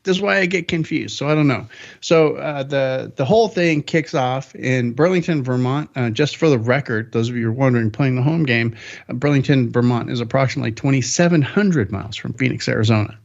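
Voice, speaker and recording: A man's voice: medium pitch, a little fast, creaky. Man, podcast host, casual rambling upbeat delivery, slightly dull lo-fi sound.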